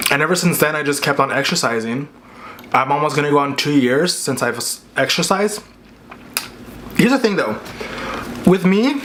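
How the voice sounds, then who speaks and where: This mukbang host has a mid-range, fairly bright voice and chats casually and candidly as he eats, mouth full and chewing, saying "like" often. Clear background noise comes through with clinking dishes and clicks.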